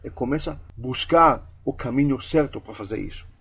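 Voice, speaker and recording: A man's voice: mid-range voice, a little fast, vocal fry, fairly bright tone, slightly rough, no echo. A man teaching a course, speaking emphatically in a coaching manner and acting out short example dialogues. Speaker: language course instructor. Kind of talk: instructional talk.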